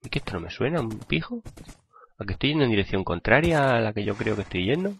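A man with a Spain Spanish accent, hoarse from a cold, chatting and joking with viewers while playing a game. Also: fairly low pitch, sing-song, fast talker, fairly bright tone, a little hiss or hum. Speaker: gaming channel host. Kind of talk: gameplay commentary.

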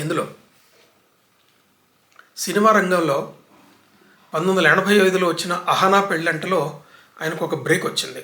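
Bright-voiced older man lecturing. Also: sits high. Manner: unhurried, lecturing, piles up examples. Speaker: literary commentator. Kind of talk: reflective book talk. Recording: echoey room.

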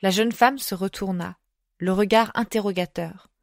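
Woman reading an audiobook, measured. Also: mid-range voice, creaky, no room sound, studio quality. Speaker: audiobook narrator. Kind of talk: scripted narration.

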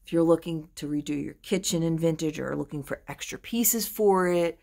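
A woman with a deep, creaky voice talks at normal speed while filming a phone tour inside a crowded antique shop. She chats casually and admires the pieces, her voice fading softer and louder as she pans around.

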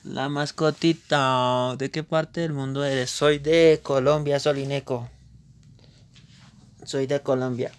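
A man's voice: mid-range voice, level tone, slow pace, clear, resonant tone. A man giving casual live commentary on a video game, reacting to scenes and talking to viewers at his computer mic. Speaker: livestreamer.

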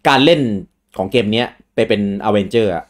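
A man hosting a casual gaming chat, relaxed and rambling with fillers and restarts. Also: fairly low pitch, normal speed. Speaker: host.

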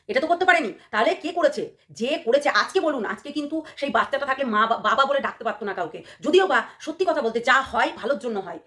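A woman vlogger with a hoarse voice from a cold, scolding and sarcastic, firing rhetorical questions in a ranting commentary. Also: high voice, fairly bright tone.

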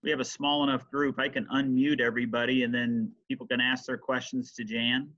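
A middle-aged man hosting an online meeting over a webcam, relaxed and practical as he opens the floor. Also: medium pitch, brisk. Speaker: meeting host. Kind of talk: hosting a video call. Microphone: webcam on video call. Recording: dull, lo-fi video-call audio.

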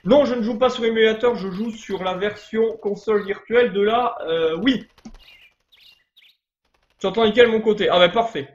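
A chatty man streaming a video game, rambling and greeting viewers as he plays. His voice sits fairly high, and it comes across echoey and a bit lo-fi, as if recorded in an untreated room. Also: normal speed. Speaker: let's play streamer. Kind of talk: casual live game commentary.

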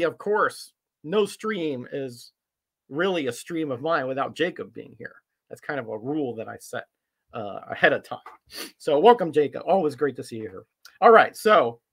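A man's voice: a little high, a bit bright. A man casually hosting a live stream from his home collectibles room, friendly and rambling with lots of fillers. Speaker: comic collector streamer host.

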